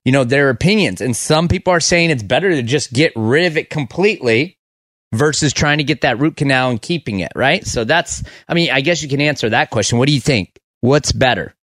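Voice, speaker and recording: A man's voice: mid-range voice, lively intonation, a little fast, fairly bright tone, dry recording, clean studio sound. A man hosting a radio show, chatting casually with callers. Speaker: radio host. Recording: music playing behind voice.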